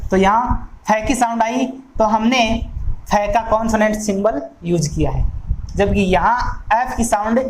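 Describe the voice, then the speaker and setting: A male teacher walks through each word slowly, naming every sound in turn and repeating the word to drill it. His voice sits fairly high and carries a faint hiss behind it. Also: low-quality recording. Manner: slow, deliberate, spells out sounds one by one; repeats words to drill pronunciation. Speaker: English exam-prep teacher. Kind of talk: recorded classroom lesson.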